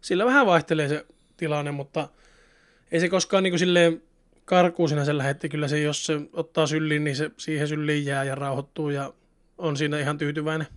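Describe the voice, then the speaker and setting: Chatty man with a smooth, clear voice. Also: on the high side, steady tone. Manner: rambling and chatty, with many fillers. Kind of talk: casual chat.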